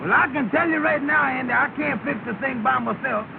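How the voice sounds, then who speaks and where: An actor playing Amos, an eager young taxi driver who pleads and fusses in a fast dialect, on an old 1930 film soundtrack. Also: male voice, very high-pitched, gravelly, narrow, tinny audio, noisy background. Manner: pleading, fussy, quick dialect talk.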